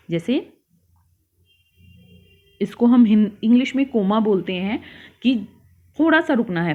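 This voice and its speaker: A young woman teacher taking children through a worksheet lesson, patient, explaining and repeating things. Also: on the high side. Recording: tinny phone-like sound.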